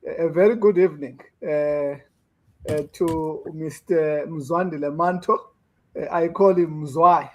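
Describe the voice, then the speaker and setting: A man, a fellow coach, giving quick polite greetings in a casual interview with many fillers. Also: fairly high pitch, steady tone. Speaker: co-guest coach.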